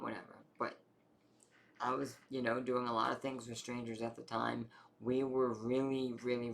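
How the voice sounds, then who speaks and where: Young man, heavy vocal fry, loose rambling storyteller with lots of fillers. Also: medium pitch. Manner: rambling, full of fillers and swearing. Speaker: vlogger telling his health story. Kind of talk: casual personal storytelling.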